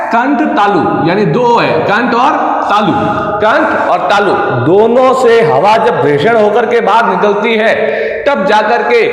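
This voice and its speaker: A man's voice: high-pitched, fairly bright tone. A male school teacher giving a classroom lesson, repeating points and answering his own questions. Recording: very echoey hall.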